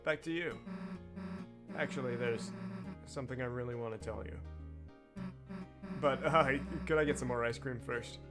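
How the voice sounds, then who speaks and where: A man voicing a shy young female reindeer monster girl, reading her lines softly and hesitantly. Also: medium pitch, normal speed, long pauses, pitched below the performer's own voice, natural voice. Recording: game music playing underneath.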